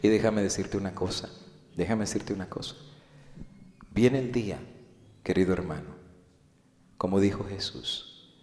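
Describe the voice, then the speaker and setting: Low-voiced man preaching in an echoey hall. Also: a little slow, pauses often. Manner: swings between loud urgent appeals and hushed, whispered pleading. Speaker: pastor. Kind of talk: sermon. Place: church hall.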